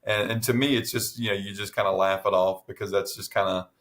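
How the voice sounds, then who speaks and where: A man's voice: lowish voice, fairly even intonation, quick pace, fairly bright tone. A middle-aged man in casual chat as podcast co-host, telling stories with many restarts and fillers.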